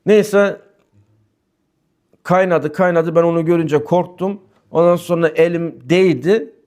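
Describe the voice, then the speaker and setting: A man speaking in a somewhat high voice, leading a weekly Sufi gathering. He tells stories with lively swings of pitch, then reads passages aloud and explains them in plain terms. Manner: lively storytelling, pitch rising and falling sharply. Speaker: Sufi sheikh giving a weekly talk. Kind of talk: religious talk with personal anecdotes and text commentary.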